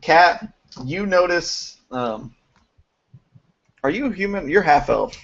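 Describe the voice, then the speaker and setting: A man acting as game master, narrating a tabletop game in a loose, halting way with frequent laughs. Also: on the high side, expressive, vocal fry, fairly bright tone. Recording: dull lo-fi home recording with faint noise.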